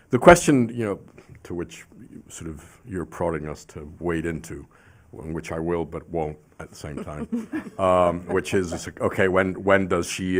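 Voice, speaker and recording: Low-voiced man, reflective panelist. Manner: reflective, expansive, with restarts. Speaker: panelist, former ambassador. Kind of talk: panel discussion.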